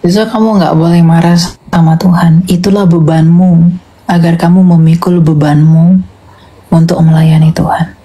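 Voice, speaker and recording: Woman on a call-in show giving firm bible advice, low warm gravelly voice, drops english phrases. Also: fairly even intonation, moderate pace. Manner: preachy, firm counsel citing scripture, mixes in English phrases.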